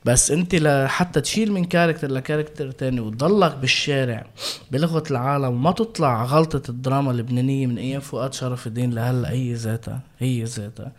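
A man with a Lebanese Arabic accent speaks at a quick clip in a medium register. He sounds like a guest in a casual chat, using everyday colloquial language. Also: medium pitch. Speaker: comedian guest. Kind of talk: casual conversation.

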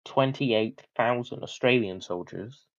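A young British man chatting loosely on a history podcast, rambling through his points and dropping the odd swear word. His voice sits at a middle pitch. The audio is a bit dull and lo-fi. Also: measured pace. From Britain. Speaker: co-host. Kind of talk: casual history podcast chat.

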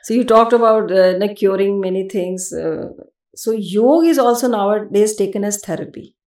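A woman's voice: mid-range voice, moderate pace, darkish tone, reverberant. A woman with an Indian accent explaining things conversationally as an interview guest, emphatic and given to repeating her phrases. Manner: emphatic, repeats phrases, switches between English and Hindi. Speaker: yoga expert, podcast guest.

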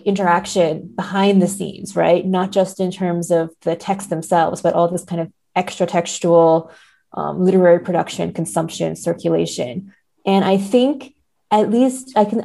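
A woman with a warm, mid-range voice is a podcast guest talking through literary ideas. She thinks aloud, hesitates and hedges her points, often seeking agreement with "right?".

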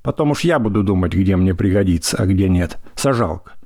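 A man's voice: low-pitched, lively intonation, fairly quick, darkish tone. A man reading aloud and voicing a short, lame, hot-tempered young village driver who blusters indignantly. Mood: furious.

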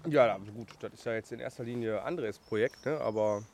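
A man's voice: fairly low pitch, moderate pace, vocal fry, a little mellow. A man, a guest telling long, rambling anecdotes in casual chat, full of fillers and tag questions. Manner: rambling storyteller with many fillers and "ne?". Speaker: guest, food truck and restaurant owner.

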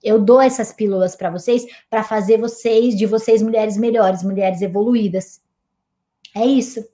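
A young woman, hosting a live stream as a weight-loss coach and talking in an emphatic, energetic way. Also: medium pitch, moderate pace. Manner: emphatic, self-described energetic, scolding but affectionate. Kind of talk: energetic motivational live chat.

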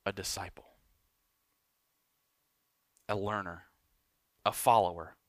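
A man preaching a sermon as pastor, emphatic and building, then dropping to quiet lines for weight. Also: low-pitched, fairly even intonation, takes it slowly, no room sound.

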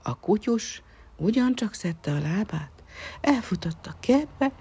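A woman reading a children's story aloud, softly and often half-whispering. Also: medium pitch, big pitch swings, breathy edge.

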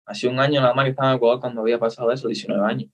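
A young man with a Cuban Spanish accent tells his own story as a guest in a relaxed interview. His voice sits at an ordinary middle pitch, and he talks earnestly. He slips into the voices of the people in his story to act out their lines. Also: rapid-fire. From Cuba. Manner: earnest, animated storyteller, acts out dialogue.

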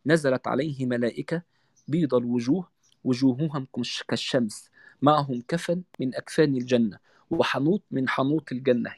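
Egyptian male lecturer, brisk delivery, dry close sound, recites then explains in plain words. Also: mid-range voice, darkish tone, dry recording. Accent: Egyptian Arabic. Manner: recites scripture, then explains it in casual everyday speech. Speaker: religious lecturer. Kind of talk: religious lecture.

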